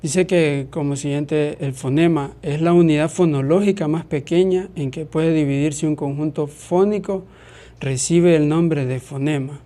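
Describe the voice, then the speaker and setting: A man explaining a phonetics lesson in a hesitant way, with many pauses and restarts. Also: on the high side, mellow.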